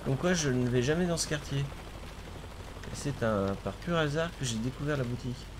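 A man's voice: mid-range voice, normal speed, background noise. A man streaming a video game with his cousin, chatting casually, exclaiming at the action and laughing often. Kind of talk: casual gaming commentary.

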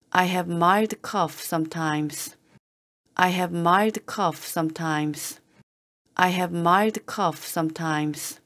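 Here a lowish-voiced woman, an English teacher, reads phrases for students to repeat after her. Her delivery is slow, even and deliberate, and every sentence is said the same way again and again.

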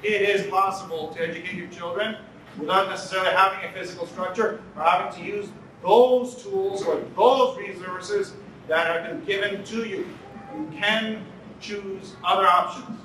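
Here a Canadian conference speaker from Toronto lectures earnestly at a podium in a large indoor banquet hall, restating key points for emphasis. His high voice is a bit bright, fairly even in intonation, and at normal speed. A distant podium mic gives an echoey sound with a little hiss or hum.

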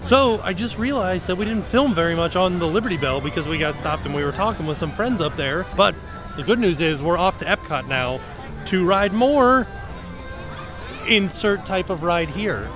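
Guy in his 30s casually vlogging, highish voice, loud music behind him. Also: lively intonation, moderate pace. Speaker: vlogger, host. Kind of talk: casual vlog commentary. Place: busy theme park, mostly outdoors. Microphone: camera at arm's length. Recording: busy crowd and loud background music.

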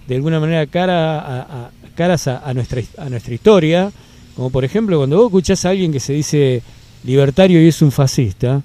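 A man in his forties with an Argentine accent answers a political interview outdoors, measured and full of fillers, building emphatic lists. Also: on the high side, dark tone. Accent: Rioplatense Spanish. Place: outdoors in a city park. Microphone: handheld mic held by interviewer.

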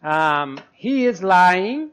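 A man's voice: high-pitched, big pitch swings, very slow, fairly bright tone, clear, resonant tone. A Brazilian man co-hosting a podcast lesson, explaining English grammar step by step and spelling words out letter by letter. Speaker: English teacher, podcast co-host. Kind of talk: conversational teaching podcast. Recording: muffled online call audio.

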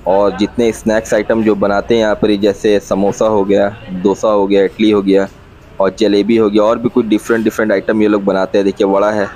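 Recorded on a phone camera, a chatty Indian man in his thirties narrates his family's travel vlog at an evening stop at a roadside restaurant, going over his points more than once and blending English into Hindi. He speaks fairly quickly in a fairly low, darkish voice with little pitch movement.

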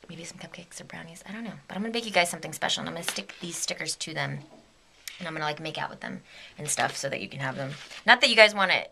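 A young woman in her twenties vlogs in a low, rapid-fire, gravelly voice that sounds pushed and bright, with slight background noise. She's bubbly, giggly and rambling, sleepy and a little delirious, sometimes dropping to a whisper. She's filmed up close on a handheld camera in a small home studio with a big red chair and a green screen.

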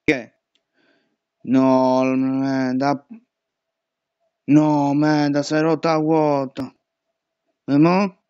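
A man's voice: fairly high pitch, little pitch movement, extremely slow, long pauses, smooth, no room sound, lo-fi sound. A young man commentating a horror game, panicking and swearing at every scare. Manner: panicky, swearing and shouting at jumpscares. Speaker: gaming youtuber.

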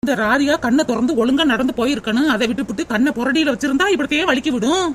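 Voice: high voice, rapid-fire, a little hiss or hum, natural voice. A woman doing a meek plaintive daughter-in-law. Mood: grumbling. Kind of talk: cartoon voice acting.

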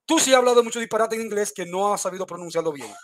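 Talking very fast, a fairly high-voiced man battles in an online debate, firing off challenges, leveling accusations and repeating himself relentlessly. It sounds like he's on a video call.

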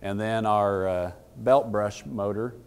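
A man's voice: fairly low pitch, fairly even intonation, slow pace, a little mellow, clean tone. A man in his thirties giving a casual technical talk to an audience in a conference room, plain-spoken and folksy, often asking the room questions. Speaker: equipment dealer presenter.

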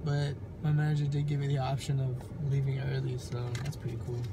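A young adult man with a cold talks fast in a medium-pitched, flat, creaky voice over a noisy background, coughing now and then. Filming a casual couple vlog on a handheld phone at home and in a car, he jokes around in a laid-back way and laughs often.

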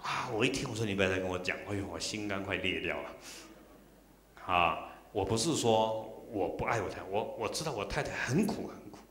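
Low-voiced monk in a roomy hall. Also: male voice, lively intonation, a little fast, a bit bright, a little hiss or hum. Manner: emotional, acts out dialogue. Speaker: Buddhist monk. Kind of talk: dharma talk with personal storytelling. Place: temple lecture hall.

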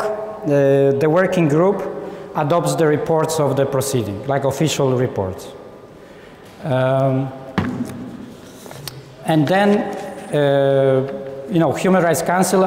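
Speaking in a medium-pitched, somewhat dark voice, a man whose first language is Polish lectures informally on human rights, performing the words of quoted diplomats. The lapel mic captures an echoey lecture hall with a seated audience and slight background noise.

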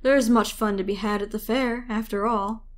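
A woman's voice: on the high side, fairly even intonation, normal speed, a little hiss or hum, natural voice. Brief: sly sing-song male fairy host, coaxing and playful, read by a woman narrator.

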